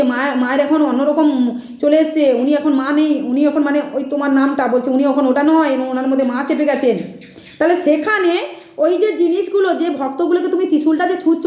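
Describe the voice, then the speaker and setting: Woman, high and quick, scolding monologue, mocking tone. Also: dark tone, reverberant. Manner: scolding and mocking, mimics the rival's words. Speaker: social media commentator. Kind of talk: critical monologue addressed to a rival.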